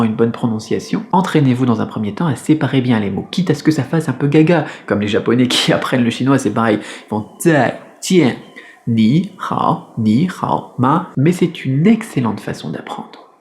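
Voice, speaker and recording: A man teaching a beginners' Mandarin lesson in French, patient and clear, repeating each sound slowly. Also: mid-range voice, darkish tone. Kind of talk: video lesson.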